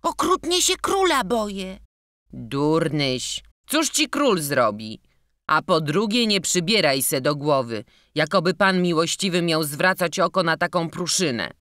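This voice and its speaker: A woman's voice: lowish voice, very animated, measured pace, no echo, studio quality, pitched above the performer's own voice. A woman voicing a blunt young male servant who scolds and teases in a raised voice. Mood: scoffing. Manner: scolding, teasing, loud.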